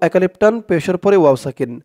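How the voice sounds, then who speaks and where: A man teaching Quran reading, chanting verses slowly and then explaining the rules in quick speech. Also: high-pitched, dark tone.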